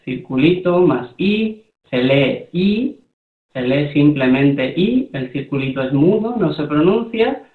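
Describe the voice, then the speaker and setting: A man teaching a language lesson, explaining things step by step and often checking that his students follow. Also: fairly high pitch. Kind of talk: slow, patient classroom explanation. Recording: echoey room over a thin phone-like line.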